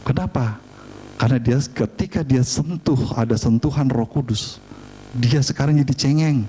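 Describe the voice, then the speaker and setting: A middle-aged man, preaching a sermon and telling family stories in an animated, humorous way. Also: medium pitch, moderate pace, a little hiss or hum. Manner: animated storytelling, chatty and humorous. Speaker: pastor.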